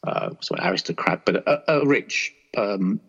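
A man's voice: on the low side, expressive, moderate pace, vocal fry, fairly bright tone, husky. A man talking casually as an interview guest, hesitant and often searching for words. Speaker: show guest. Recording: dull lo-fi audio.

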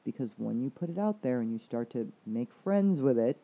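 Brief: male podcast host and coach, mid-pitched, talks in loose restarts, lo-fi recording. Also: animated, fairly quick. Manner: rambling, with many restarts. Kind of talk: casual podcast chat. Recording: dull lo-fi sound.

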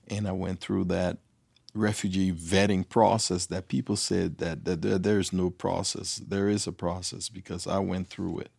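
A man telling a personal story as an interview guest, lively and acting out the dialogue. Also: low-pitched, creaky, breathy edge, no room sound, studio quality. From Liberia. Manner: animated, acts out dialogue. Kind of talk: anecdotal storytelling.

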